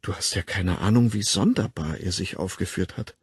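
A downcast, lovesick young woman , voiced by a male audiobook reader. It stays low and hushed near his own register, with a rough, breathy texture. Recorded close and dry. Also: normal speed, dry recording, exaggerated voice. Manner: subdued, sighing, low-spirited. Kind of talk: audiobook character voice.

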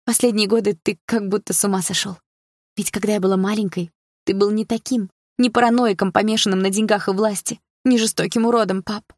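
A woman's voice: mid-range voice, steady tone, fairly quick, darkish tone, dry recording, studio quality, pitched above the performer's own voice, natural voice. A woman reading a young woman who tearfully confronts her jailed father in an audiobook and later teases her brother. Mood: bitter, tearful. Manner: pleading, bitter, then playful and teasing.

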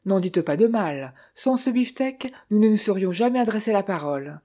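A narrator voicing a polite, gallant young gentleman in a storybook reading. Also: medium pitch, expressive, normal speed, natural voice. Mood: courteous.

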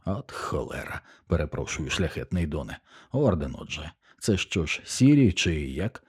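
A man's voice: rumbling low, sing-song, normal speed, slightly rough, pitched below the performer's own voice, full character voice. A man doing a mumbling, worried blacksmith. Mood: anxious. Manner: mumbling, anxious, plain-spoken. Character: timid, worried middle-aged male blacksmith.

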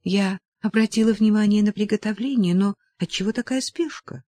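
A woman reading the lines of a gentle, sorrowful young noblewoman in an audiobook, softly and tenderly. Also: mid-range voice, normal speed, no echo, voice pushed up, lightly acted. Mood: gentle, sad.

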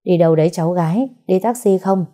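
Một phụ nữ đóng vai chú tài xế taxi trung niên tốt bụng, nói xởi lởi. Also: female voice, fairly low pitch, fast talker, warm tone, natural voice. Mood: offhand. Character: middle-aged male taxi driver, easygoing and kind.

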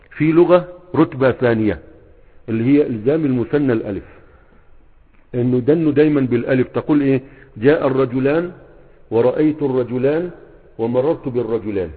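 A man's voice: mid-range voice, husky. A man with an Egyptian accent, a sheikh teaching a grammar class, who keeps prompting his students with fill-in questions and checks that they follow. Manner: fills gaps with quiz-like questions and checks the students often. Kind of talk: classroom lesson. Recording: tinny phone-like sound in a reverberant hall.

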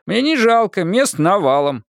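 A man's voice: high-pitched, sing-song, measured pace, gravelly, no room sound, clean studio sound, voice pushed up, exaggerated voice. A man voicing a cranky old male watchman who mocks and barks orders, in an audiobook. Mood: friendly. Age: older. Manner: shouting, mocking, bossy. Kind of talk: audiobook character voice.

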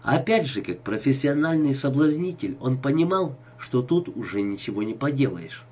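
A man reads a novel aloud in an expressive storytelling voice. His tone is husky, and his pitch rises and falls widely. Steady audiobook narration. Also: moderate pace, highs cut off.

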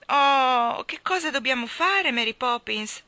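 A woman voicing an earnest young girl who speaks in a pleading, questioning way, a little higher than her own voice. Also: animated, a little slow, sharp tone, no room sound, full character voice.

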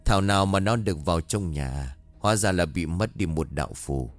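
A man voicing a greedy male sorcerer of dark arts, speaking in a calm, smug and mocking way. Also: deep voice, fairly quick, soft background music.

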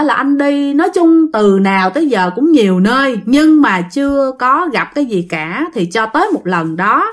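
A woman hosts her channel and tells listener ghost stories in a loose, chatty flow. She speaks to her audience directly in a somewhat high voice. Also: a bit bright. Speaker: storyteller and channel host. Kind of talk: casual ghost-story narration.

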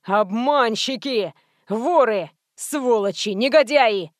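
A stubborn middle-aged shopper , voiced by a woman reader, drones on slowly in a lowered, grumbling tone. The audiobook reading is close and dry. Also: expressive, no echo. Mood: indignant. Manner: slow, droning, lower than narration.

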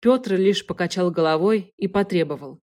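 A woman narrating an audiobook in a calm, soft, even manner. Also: lowish voice, moderate pace.

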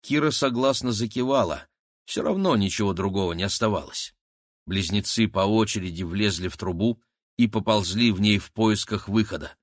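A man reading an adventure audiobook aloud in a steady, measured narrating style. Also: fairly low pitch, no echo, studio quality. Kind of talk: scripted narration.

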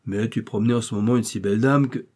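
A man voicing a witty, ironic gentleman friend who teases in a light, mocking way. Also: lowish voice, fairly even intonation, fast talker, lightly acted. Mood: teasing. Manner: teasing, ironic.

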